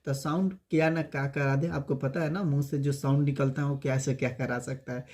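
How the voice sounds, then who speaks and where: Male English tutor, warm mellow tone, slow drilled repetition, affectionate with students. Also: mid-range voice, fairly even intonation. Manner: repeats words slowly for drilling; calls students affectionate names. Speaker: English teacher. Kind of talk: spoken English lesson.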